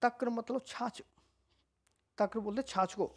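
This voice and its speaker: A man's voice: very high-pitched, a little slow, husky. A man teaching Hindi word pairs in a casual online lesson, repeating each word again and again and adding friendly asides to his students, with a Rajasthani Hindi accent. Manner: repeats words many times, chatty asides to students.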